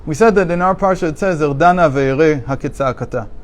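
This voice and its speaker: Measured man teaching a text class. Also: fairly high pitch. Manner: explanatory, poses rhetorical questions; measured, reads and translates passages aloud. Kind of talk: daily religious text class.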